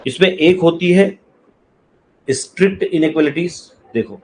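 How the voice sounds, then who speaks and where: A man's voice: on the high side, unhurried, darkish tone, poor audio. A male math teacher lecturing in with a slight touch, explaining step by step and often asking students whether they understand. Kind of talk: classroom lecture.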